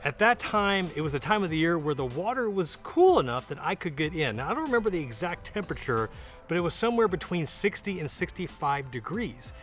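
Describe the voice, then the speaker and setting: American male vlogger, slightly high voice, casual emphatic storyteller, faint music underneath. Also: very animated, brisk, a bit bright. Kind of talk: casual personal storytelling to camera.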